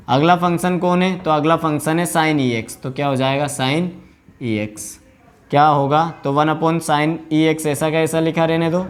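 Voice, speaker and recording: A man teaching a maths lesson at a board. He keeps asking his students questions and answers them himself, checking in with "thik hai" in a lively, coaxing way. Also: on the high side.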